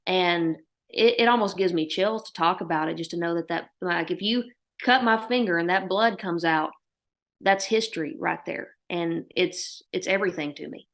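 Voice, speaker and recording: This Oklahoma woman in her thirties, a country musician with a fairly low voice, responds to an interviewer at a moderate pace. She has an Oklahoma accent and tells her answers as lively, folksy stories.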